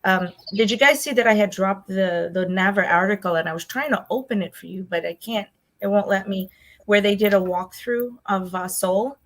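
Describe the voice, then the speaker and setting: A woman's voice: mid-range voice, moderate pace, poor audio. A woman hosting a casual fan chat over a video call, talking in a chatty, rambling way. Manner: chatty, rambling, laughs often. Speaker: host.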